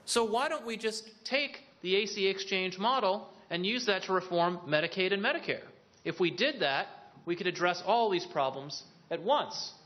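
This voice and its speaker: Presenting a policy proposal on a briefing panel, this man explains his points one at a time in a briefing room, asking himself questions and then answering them. His high voice is a bit bright with lively intonation, and he has occasional restarts and filler pauses.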